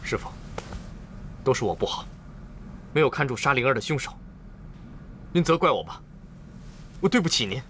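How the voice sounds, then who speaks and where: A man's voice: medium pitch, expressive, normal speed, long pauses, fairly bright tone, slight background noise, natural voice. An actor playing an earnest, stubborn young male disciple in a costume drama, insistent and pleading. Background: drama score music.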